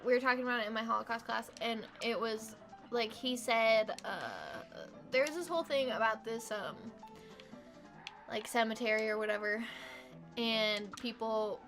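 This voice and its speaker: A woman's voice: a little high, normal speed, fairly bright tone, soft background music. A young woman chatting casually while playing a video game, giggling and swearing freely. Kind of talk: casual gameplay chat.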